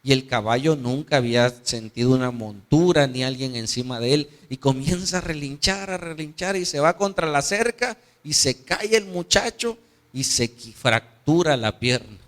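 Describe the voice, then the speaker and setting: A man's voice: mid-range voice, lively intonation, normal speed. A man preaching a sermon, conversational and storytelling, checking in with his listeners. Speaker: pastor.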